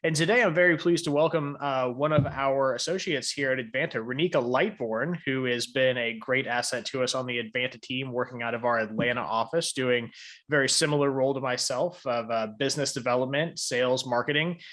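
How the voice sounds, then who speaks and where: A man's voice: medium pitch, brisk, a bit bright. A man hosting a finance podcast, talking in a loose, conversational way with frequent fillers. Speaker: podcast host. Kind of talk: podcast interview and scripted explainer segments.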